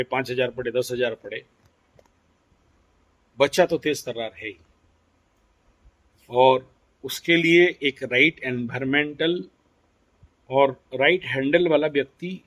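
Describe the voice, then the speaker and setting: A man's voice: mid-range voice, slow pace, pauses often, a bit bright. A man teaching astrology in an explanatory lecture. He mixes in English phrases and keeps asking his listeners rhetorical questions.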